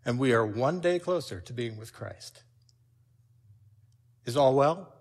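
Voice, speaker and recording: An older man preaching a sermon, telling a personal story with lively swings in loudness. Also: mid-range voice, measured pace.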